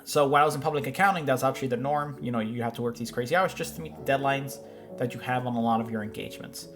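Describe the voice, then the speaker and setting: A man's voice: mid-range voice, quick pace, over music. A man in his thirties hosting a reaction show, giving loose, rambling commentary with frequent restarts. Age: 30s. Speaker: host reacting to finance videos. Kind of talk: casual commentary.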